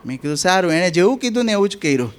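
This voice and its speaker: A man's voice: sits high, big pitch swings, very fast. A middle-aged man with a Gujarati accent, telling funny anecdotes to an audience and building each one up to its punchline. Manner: storytelling with rising punchlines. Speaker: comic speaker at a spiritual gathering. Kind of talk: humorous anecdotes told to an audience.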